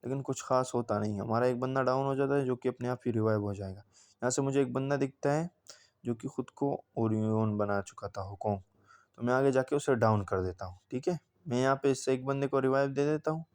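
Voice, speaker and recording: Male gaming narrator: casual voice-over commentary, mellow tone, mid pitch, addresses viewers directly. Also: a little fast. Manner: casual, talks straight to viewers in a recounting tone. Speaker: gaming channel creator.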